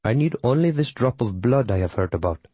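A man's voice: mid-range voice, animated, warm tone, breathy edge, no echo, muffled recording. A man doing a formal Tamil-accented witch. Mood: calm, formal. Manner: measured, formal phrasing. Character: cool, formal female witch possessing a young woman.

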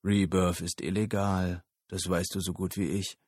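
A man voicing a tall, gaunt male drug dealer with a deep bass voice, slow and guarded. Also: level tone, darkish tone, husky, dry recording, studio quality.

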